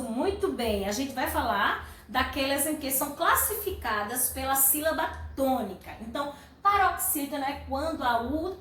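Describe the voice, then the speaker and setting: A woman's voice: high voice, a bit bright, slight background noise. A woman teaching a children's class, patiently going through workbook answers, drawing words out and praising the pupils. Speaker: primary school teacher. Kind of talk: classroom lesson correcting workbook exercises. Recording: echoey room, mic at a distance.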